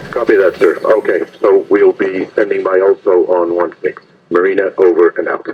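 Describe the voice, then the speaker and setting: A man's voice: deep voice, fairly even intonation, normal speed, a little hiss or hum. A man working as a marina radio operator, speaking courteously and procedurally over VHF marine radio. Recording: muffled marine radio transmission.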